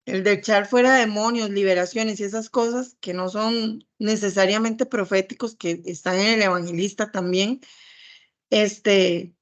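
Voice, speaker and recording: A woman teaching a church ministry class, explaining in a measured, reflective way with some hesitant restarts. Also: medium pitch, steady tone.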